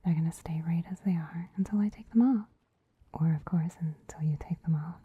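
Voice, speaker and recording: A woman voicing a gentle, soothing female bunny spa attendant in an ASMR roleplay, whispering softly into a close microphone with a teasing, giggly manner. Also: fairly low pitch, brisk, breathy edge, no room sound, narrow, tinny audio. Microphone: close mic.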